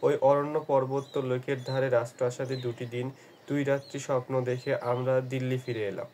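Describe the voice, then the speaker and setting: Male narrator for a novel reading; measured storyteller, middle-pitched voice, faint background noise. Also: flat delivery, darkish tone. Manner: measured storytelling with occasional restarts. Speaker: audiobook narrator.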